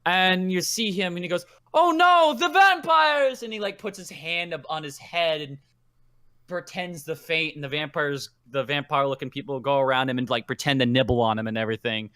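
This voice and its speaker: Man, game master, rambling narration, smooth clear tone. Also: a little high, steady tone, a little fast, pushed and bright, no echo, studio quality. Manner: rambling, many fillers and restarts.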